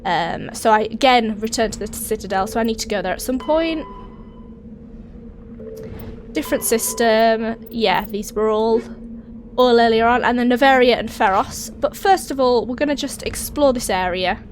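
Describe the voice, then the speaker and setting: A let's play host with a cold sounds raspy and hoarse as she games, her voice a little high and her pace moderate. She gives chatty, casual commentary, thinking aloud as she plays. Steady game engine noise runs under her voice.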